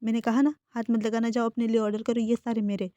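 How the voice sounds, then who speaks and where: A woman's voice: fairly high pitch, level tone, fast, warm tone, no room sound, lightly acted. A woman voicing a sulky, stubborn young male college student who talks in a snappish, bossy way. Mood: defiant.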